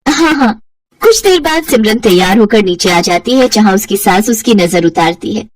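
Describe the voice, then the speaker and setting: A woman narrating a scripted storybook cartoon in a steady, expressive way. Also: medium pitch, normal speed, recorded from a distance.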